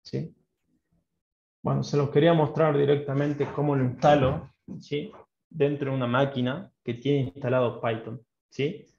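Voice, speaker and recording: Gravelly-voiced Salta-accented man teaching code. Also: medium pitch, steady tone, a little slow, darkish tone. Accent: Argentine, from Salta. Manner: explains patiently, often checks in with a questioning "¿sí?". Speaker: programming teacher. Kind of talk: online coding class. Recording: dull roomy online class audio.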